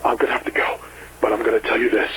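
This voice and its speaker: Man playing a curt, low-voiced fugitive criminal. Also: completely flat delivery, racing, heavy background noise, close to an everyday voice. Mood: hurried, commanding. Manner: curt, commanding, swearing. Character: ruthless, impatient man on the run from prison. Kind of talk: dramatized phone-call audio drama.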